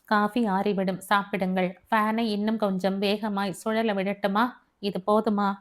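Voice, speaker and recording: A woman's voice: mid-range voice, level tone, normal speed, natural voice. A woman reading the part of a frank, self-possessed divorced woman who speaks candidly, as audiobook dialogue. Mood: composed.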